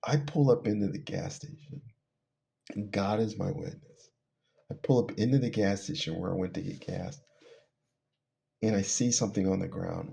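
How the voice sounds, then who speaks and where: Gravelly and dark, this lowish male voice belongs to a middle-aged storyteller sharing a personal testimony in a casual way. He rambles, trails off, and laughs between phrases.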